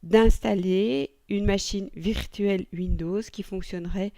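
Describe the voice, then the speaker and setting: A woman teacher walking students through a software installation step by step, chatty and joking as she goes. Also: mid-range voice, steady tone, measured pace, no room sound, clean studio sound. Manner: chatty, thinking aloud with fillers and little jokes. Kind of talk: screen-recorded software tutorial.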